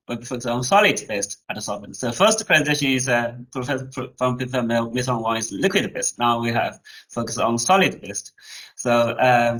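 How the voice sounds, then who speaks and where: A man moderating an online training session over a video call who introduces the next speaker haltingly, restarting phrases and stumbling over names. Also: medium pitch, a bit bright, poor audio.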